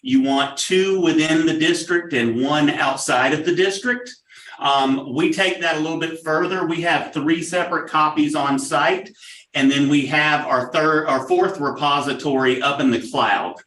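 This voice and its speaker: A man answers questions at a public board meeting in a measured, explanatory way, pausing often on "um." His voice sits a little high and is picked up from across a roomy meeting room, so it sounds distant and echoey. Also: fairly bright tone. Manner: measured, explanatory, many "um" pauses. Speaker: district technology official.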